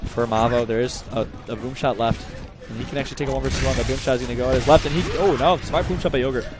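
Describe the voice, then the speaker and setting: Fast, excitable young male esports caster. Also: medium pitch. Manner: excitable, erupts into shouts at big plays. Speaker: esports commentator. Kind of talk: live play-by-play commentary.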